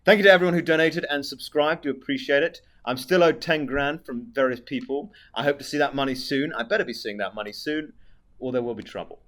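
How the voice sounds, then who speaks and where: Casting: male streamer, posh British voice, mid pitch, dry and sweary, casually answering chat. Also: brisk, a bit bright. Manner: sweary, dry, tag questions. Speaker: live streamer. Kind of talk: casual livestream chat, reading out viewer messages.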